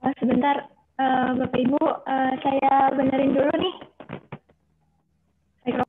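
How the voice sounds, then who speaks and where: A woman's voice: sits high, completely flat delivery, a little slow. Woman on a choppy, breaking-up call. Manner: checking the connection, asking to be heard. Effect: choppy, breaking-up audio over a video call. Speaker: webinar presenter. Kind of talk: online webinar, mic check. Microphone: headphone mic on a video call. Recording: tinny noisy video-call line.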